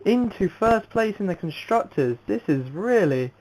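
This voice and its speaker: A young man commentating on an amateur racing league, excitable and rambling, with many fillers and restarts. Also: high voice, unhurried, low-quality recording. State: out of breath. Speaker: race commentator.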